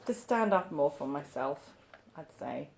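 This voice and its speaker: A woman's voice: deep voice, lively intonation, unhurried, gravelly, darkish tone, slight background noise. Hesitant, thoughtful Swedish-raised woman. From Sweden. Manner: thoughtful, hesitant, with frequent ums and light laughs. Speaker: artist, interview guest. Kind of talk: casual interview answers.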